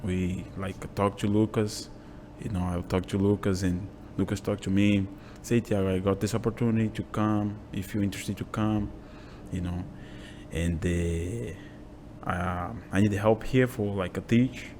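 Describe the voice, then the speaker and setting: A man in his twenties from Brazil with a Brazilian Portuguese accent, whose first language is Portuguese, speaking halting English with many "you know" fillers as an interview guest in a small home gym. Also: on the low side, fairly even intonation, mellow, slight background noise. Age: 20s. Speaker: guest, jiu-jitsu instructor. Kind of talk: casual interview.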